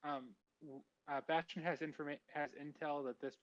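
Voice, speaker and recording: A man voicing a male soldier urging townsfolk to evacuate, in halting, stumbling speech. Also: on the high side, steady tone, no room sound, close to an everyday voice. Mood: earnest. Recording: slightly dull lo-fi mic.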